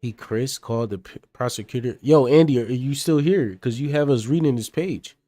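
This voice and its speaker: A man's voice: mid-range voice, moderate pace, warm tone, no room sound. A man on a casual live stream, reading pages aloud and chatting with viewers by name.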